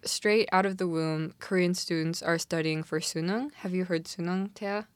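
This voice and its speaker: Her voice sits on the low side with a steady tone and a moderate pace, captured as a dry recording. A young woman with a Canadian accent, she co-hosts a laid-back podcast discussing a TV drama in emphatic, slangy, informal talk.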